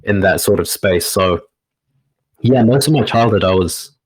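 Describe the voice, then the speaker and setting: A man, a meditation teacher answering interview questions in a slow, reflective way with frequent pauses. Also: lowish voice, slightly rough, poor audio. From New Zealand. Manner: slow, reflective, pausing often with "uh".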